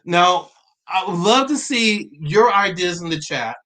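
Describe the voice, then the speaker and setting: A man's voice: high-pitched, animated, bright, forceful tone. Earnest man hosting a livestream. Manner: earnest, halting with restarts, laughs at himself. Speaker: livestream host. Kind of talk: live-streamed talk reading viewer comments.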